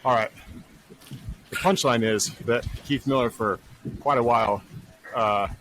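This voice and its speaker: A man co-hosting a casual podcast chat, dry and wry, quick to laugh. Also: medium pitch, fairly bright tone. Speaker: podcast co-host. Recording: noisy recording.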